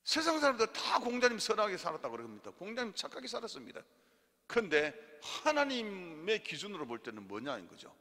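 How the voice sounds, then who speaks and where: A male pastor teaching theology in a church, animated and leading the congregation in repeat-after-me lines and amens. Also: high voice, fairly quick. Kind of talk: sermon-style theology class. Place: church hall. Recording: hall reverb.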